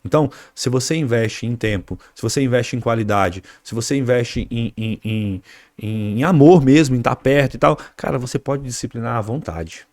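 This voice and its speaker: A man's voice: mid-range voice, moderate pace, darkish tone, no echo, clean studio sound. A man with a Brazilian Portuguese accent, a guest on a podcast, telling a family story in a casual way and acting out the dialogue. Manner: anecdotal, acts out dialogue, frequent fillers like "né" and "cara".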